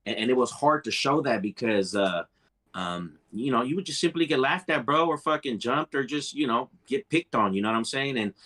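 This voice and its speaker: A Mexican man tells his story as a guest in a casual podcast chat, using laid-back street slang, dropping Spanish phrases and calling everyone "bro." His voice is medium-pitched, fairly bright and lively in intonation, at normal speed.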